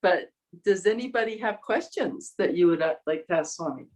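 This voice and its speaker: The host talks in a mid-pitched, easygoing way on a video call. They keep the talk light and move it along toward the questions. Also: lively intonation, moderate pace. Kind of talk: casual chat on a video call.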